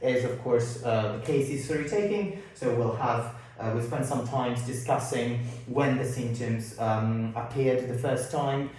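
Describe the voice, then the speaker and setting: Man, clinician explaining, halting delivery, muffled by a face mask, strong room echo, far from microphone. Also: medium pitch, darkish tone. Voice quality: slightly muffled from speaking through a face mask. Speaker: consultant osteopath and physiotherapist. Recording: very echoey room, distant mic.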